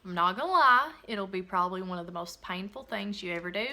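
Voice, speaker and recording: A woman's voice: mid-range voice, lively intonation, fast talker, pushed and bright. A young woman, a mom vlogger, talking in a casual, earnest and heartfelt way while answering questions. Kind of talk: casual Q&A vlog talk.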